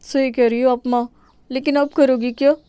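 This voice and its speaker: A woman's voice: high-pitched, flat delivery, normal speed, warm tone, clean tone, no room sound, clean studio sound, voice pushed up, lightly acted. A woman voicing an eager, fawning young daughter who sides with her mother in a cartoon.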